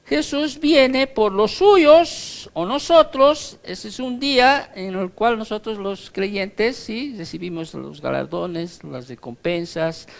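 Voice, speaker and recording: Male pastor, Bible study; unhurried, clear voice, leans into scripture readings. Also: high voice. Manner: conversational teaching, often checks in with the listeners; reads scripture aloud slowly and emphatically.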